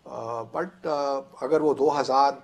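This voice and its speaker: A man from Pakistan, an analyst on a television talk show, explaining at length in a measured way with hesitant fillers. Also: medium pitch, steady tone, darkish tone. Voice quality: husky. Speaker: studio analyst guest. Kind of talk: talk show political discussion.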